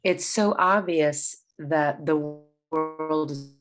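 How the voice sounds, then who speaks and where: A woman interviewer asking halting questions over a video call whose audio keeps breaking up. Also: low voice, music in the background. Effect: choppy, breaking-up video call audio. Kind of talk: conversational questions.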